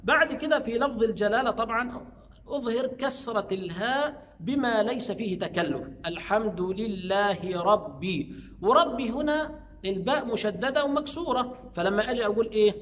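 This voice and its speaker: A man with an Egyptian Arabic accent giving a religious pronunciation lesson, patiently demonstrating words slowly and stretching them out between drawn-out hesitations. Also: very high-pitched, expressive, fairly bright tone. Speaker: Quran recitation teacher.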